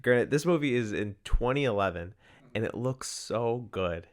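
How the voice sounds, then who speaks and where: A man's voice: medium pitch, lively intonation, normal speed. A young man co-hosting a movie podcast, rambling casually and acting out lines from scenes. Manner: rambling, many likes, acts out quotes loudly. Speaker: podcast co-host. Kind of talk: casual movie review chat.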